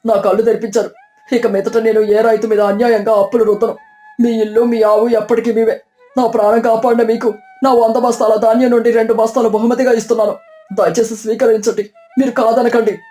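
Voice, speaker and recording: A woman's voice: on the high side, flat delivery, a little fast, natural voice. Woman voicing a tearful, humbled merchant. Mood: tearful grateful. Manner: loud, pleading, choked with tears. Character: rich merchant man, humbled and grateful. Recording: roomy, distant, with soft music.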